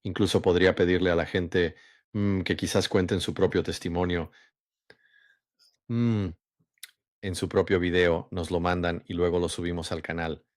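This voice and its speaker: Deep, flat-voiced man speaking calmly. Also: dry recording, studio quality. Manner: calm, measured, with frequent hums and pauses. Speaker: host of a religious channel. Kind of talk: unhurried religious monologue and reading aloud.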